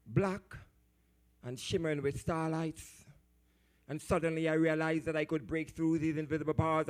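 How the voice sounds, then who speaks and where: A man's voice: fairly high pitch, a bit bright, smooth. A man from Jamaica with a Jamaican accent, performing dub poetry live with rhythmic, half-sung, fiery chanting. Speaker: dub poet.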